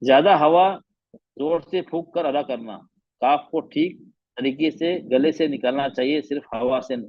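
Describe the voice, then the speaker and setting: A man's voice: a little high, measured pace, dry recording, muffled recording. A man teaching a Quran recitation class online, patiently repeating letter sounds to demonstrate them.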